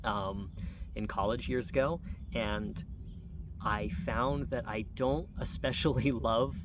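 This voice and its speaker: A man's voice: medium pitch, fairly even intonation, slow. An American man from Wyoming talks as a channel host in an unscripted, introspective monologue, hesitant and rambling. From Wyoming, United States. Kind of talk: unscripted reflective monologue to camera. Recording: distant mic, noisy background.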